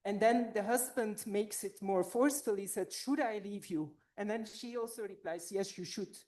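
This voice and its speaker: A woman gives an academic conference talk in a mellow, darker-toned voice. She is a little out of breath and explains her points as she thinks them through, in a steady, measured way. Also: mid-range voice. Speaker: conference presenter.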